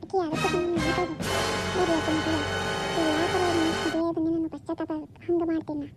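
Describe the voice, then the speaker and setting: A woman's voice: flat delivery, fairly quick, over loud music, rough recording. A woman voicing a jealous, scheming young woman in a cartoon, speaking whiny North Karnataka Kannada. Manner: whiny, then low scheming mutter. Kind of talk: cartoon voice acting.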